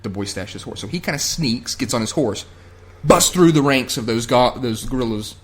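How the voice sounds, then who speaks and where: A male podcast host talks through an episode recap in a relaxed, chatty way. His speech is loose and profane, padded with ums and uhs. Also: medium pitch, moderate pace. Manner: loose and profane, many fillers. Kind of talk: casual chat, recapping a TV episode.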